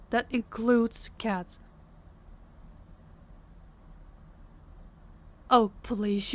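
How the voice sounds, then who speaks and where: A woman's voice: medium pitch, lightly acted. A woman playing a stern, guarded character in an audio roleplay, speaking firmly and pleadingly straight to the listener. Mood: stern, urgent. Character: stern, guarded woman urging secrecy, apologetic underneath.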